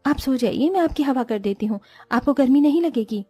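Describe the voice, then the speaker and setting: A woman voicing a kind, patient young daughter-in-law in a cartoon story, talking softly and respectfully. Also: high voice, expressive, brisk, breathy edge, no echo, faint music behind. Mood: gentle. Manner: soft, respectful.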